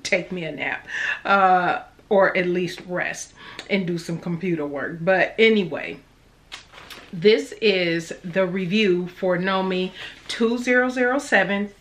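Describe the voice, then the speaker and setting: A woman's voice: mid-range voice, a bit bright. A middle-aged woman hosting a casual vlog, talking with a numb, swollen mouth from the dentist that slightly blurs her words. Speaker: sewing channel host. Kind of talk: casual chatty vlog to camera. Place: small indoor room at home.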